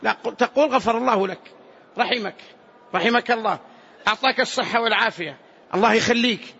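A man teaching a hadith lesson in a large mosque, lively and acting out pleading voices. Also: high voice, fast talker, vocal fry, slightly rough. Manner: lively, acts out pleading voices, colloquial asides. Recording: dull lo-fi mosque recording.

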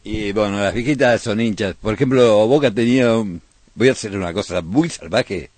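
A man's voice: lowish voice, normal speed, a little mellow, no room sound. A man with an Argentine accent, a radio host telling playful football crowd stories in casual chat. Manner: playful, chanting bits of crowd songs in his stories.

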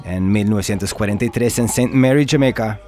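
Casual male radio DJ with a lowish voice, talking over loud reggae music. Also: quick pace. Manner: relaxed, informal, with small slips and corrections.

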